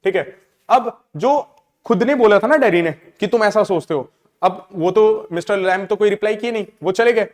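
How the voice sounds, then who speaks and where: A male teacher explains a play line by line, checking in often with his listeners. His voice is high for a man. The recording carries a long reverb, as in a large hall. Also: normal speed. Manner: explains each line and keeps checking in with "ठीक है". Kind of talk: line-by-line literature lesson.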